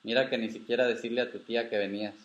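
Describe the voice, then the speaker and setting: A man's voice: lowish voice, flat delivery, very fast, muffled recording, natural voice. A man reading a story and voicing a stubborn, affectionate old grandfather rancher who talks in a folksy, insistent way.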